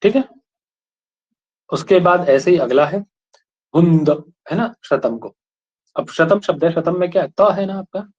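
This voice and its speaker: A man's voice: sits high, lively intonation, unhurried, pauses often, darkish tone. A male teacher giving a classroom lecture, asking students questions again and again and checking that they follow. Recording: dull lo-fi recording.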